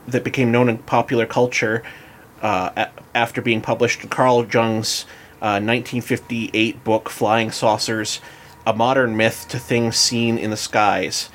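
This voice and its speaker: A man hosting a casual podcast chat, laid-back and self-mocking, who trips over words as he reads. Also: medium pitch. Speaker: podcast host. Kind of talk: casual chat, reading aloud.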